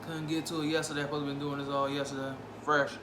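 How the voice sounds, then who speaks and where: A man's voice: a little high, flat delivery, fast. Casual man reviewing food, echoey noisy room. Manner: informal, savoring with frequent appreciative mm sounds. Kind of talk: casual food review vlog, eating while talking. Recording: roomy, echoey, clearly noisy home recording.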